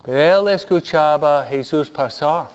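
A man preaching a sermon, animated and repeating phrases for emphasis. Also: fairly high pitch, unhurried, clean tone, muffled recording.

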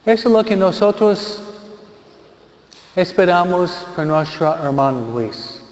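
A man preaching a funeral homily as a priest, slow and deliberate, moving between Spanish and English. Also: sits high, animated, a little mellow. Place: church. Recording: echoey church hall, slightly dull sound.

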